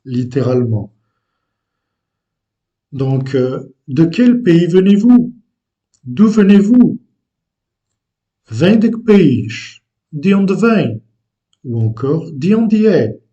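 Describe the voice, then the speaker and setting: Slow, hesitant man teaching language. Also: a little high, big pitch swings, dark tone, lo-fi sound. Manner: slow and deliberate, with frequent hesitations. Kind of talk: unscripted language lesson.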